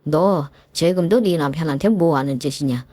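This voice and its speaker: A woman's voice: low-pitched, normal speed, dark tone, dry recording, studio quality, pitched below the performer's own voice. A woman voicing an angry, domineering older father-in-law who scolds his daughter-in-law in a narrated story. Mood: scolding. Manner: scolding, gruff and bossy.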